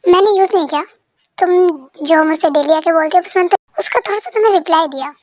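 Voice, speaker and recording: A woman's voice: very high-pitched, fast talker, darkish tone, no echo, studio quality. A woman playing a smug, teasing young man. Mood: dismissive. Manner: smug, dismissive. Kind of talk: fan dub storytelling.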